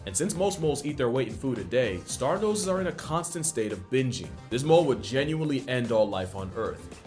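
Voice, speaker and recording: A man's voice: mid-range voice, lively intonation, brisk, a little mellow. A man delivering scripted comedic narration as the presenter of an animal facts video. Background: background music.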